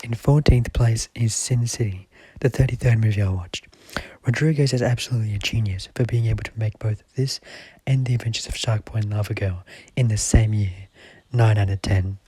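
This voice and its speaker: A young man narrating a movie countdown in scripted voice-over, with a dry, deadpan delivery that often drops to a half-whisper. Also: fairly low pitch, a little fast, noisy background. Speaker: movie ranking vlogger.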